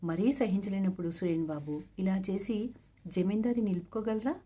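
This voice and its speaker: A woman's voice: mid-range voice, moderate pace, warm tone, husky, recorded from a distance, lightly acted. A woman reading the part of a grave older male estate manager in a storybook reading, solemn in manner.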